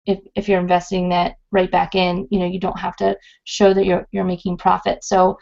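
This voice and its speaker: A woman's voice: lowish voice, monotone, normal speed, gravelly, a little mellow. A woman who is a sales director, explaining tips in a casual round table chat on a muffled online call. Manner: chatty, explaining step by step.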